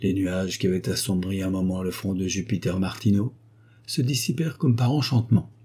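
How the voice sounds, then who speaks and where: A man reading a novel aloud as an audiobook narrator. His voice is low and mellow with a husky edge, and his delivery is steady and measured. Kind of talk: scripted narration.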